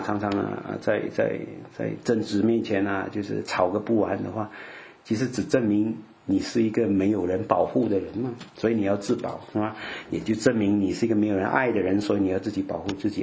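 Middle-aged guy preaching, low gravelly voice, lots of ah fillers and stammered repeats. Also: a little mellow. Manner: repeats words, frequent 'ah' fillers, asks listeners OK. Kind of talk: sermon.

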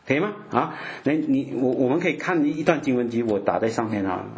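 Speaking quickly at a medium pitch, a middle-aged preacher delivers his sermon while tripping over repeated words. "Ah" fillers come often, and he regularly checks with the congregation by asking, "OK?"

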